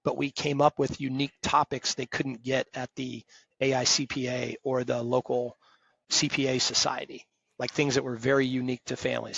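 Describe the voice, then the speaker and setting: Here the same kind of speaker appears: a retired firm partner in his fifties, a guest in a conversational interview who is emphatic, direct and, by his own account, loud. His voice sits mid-range, slightly rough with vocal fry, heard on a dry, lo-fi recording.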